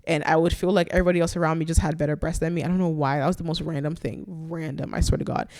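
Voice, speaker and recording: Woman from Nigeria, young, podcast host, casual chat, playful, slight vocal fry. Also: low voice, steady tone, a little mellow. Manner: chatty, playful, self-teasing, quick asides.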